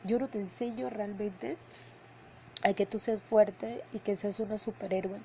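A woman hosts a podcast in a casual monologue, earnest and heartfelt, often ending her sentences with a questioning "no?". Her voice is mellow and warm, with a faint hiss of noise behind it. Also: medium pitch, steady tone, unhurried, low-quality recording. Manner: earnest, heartfelt, repeats words for emphasis. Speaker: podcast host and emotional coach. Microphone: headphones and podcast mic.

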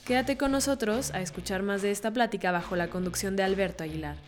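A woman's voice: medium pitch, fast talker. A woman reading a polished, scripted introduction to an interview show. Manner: polished promo delivery. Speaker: show announcer. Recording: music bed behind the voice. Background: music.

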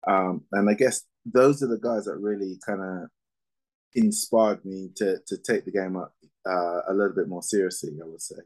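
A man in his fifties who grew up in Barbados answers interview questions as a former cricketer and coach. His voice sits a little low. He speaks in a measured way and fills his pauses with "um" and "you know.". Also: fairly even intonation, darkish tone, rough recording. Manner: measured, with frequent fillers.

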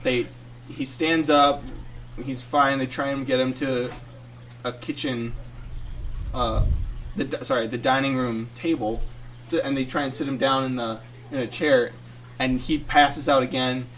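A man's voice: mid-range voice, measured pace, long pauses, distant mic. A man co-hosting a podcast, telling a story casually and laughing through it. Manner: animated, laughs through his own story. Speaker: podcast co-host.

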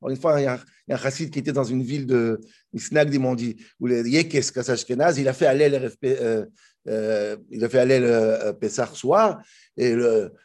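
A man teaching a Torah class, explaining the commentaries in a lively way that often restarts and jumps in pitch. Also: a little fast.

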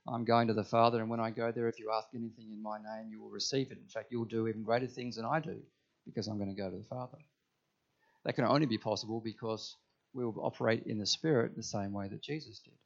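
Speaking in a mid-range voice with some vocal fry, this male pastor delivers an emphatic sermon in church, frequently questioning his congregation. The audio sounds dull.

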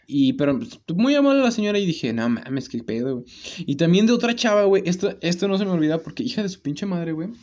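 A young man with a Mexican Spanish accent telling a story in casual chat, slangy and animated, laughing often. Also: high-pitched, fast.

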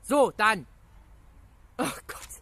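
A gaming YouTuber rambling excitedly through a casual video reply to viewers, full of pet phrases and laughter. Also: medium pitch, extremely slow, no room sound. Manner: rambling, chatty, repeats catchphrases and fillers.

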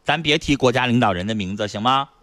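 A man's voice: mid-range voice, quick pace, crowd noise. A man hosting a call-in radio show, bluntly lecturing callers. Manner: scolding, lecturing. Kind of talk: blunt advice radio talk. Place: radio studio. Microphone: studio mic.

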